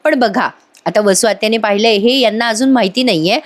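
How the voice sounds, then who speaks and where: Woman, chatty serial recap, talks to viewers, fairly high voice. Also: brisk. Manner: chatty, addresses viewers directly. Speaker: TV serial reviewer. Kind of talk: voice-over episode recap.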